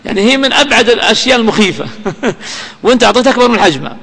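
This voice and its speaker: Male teacher, high voice, quizzing students in a reverberant hall. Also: big pitch swings, rapid-fire, gravelly, a bit bright. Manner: quizzing, prompting students for answers. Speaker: grammar teacher. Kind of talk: question-and-answer grammar lesson. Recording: long reverb of a large room.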